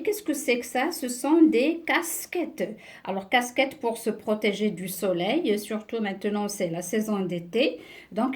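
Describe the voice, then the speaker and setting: A woman teaching a beginner French reading lesson, explaining slowly and patiently, often pausing with "euh" and asking the class to look. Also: medium pitch, reverberant, recorded from a distance. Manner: slow, patient explaining with many "euh" and "regardez".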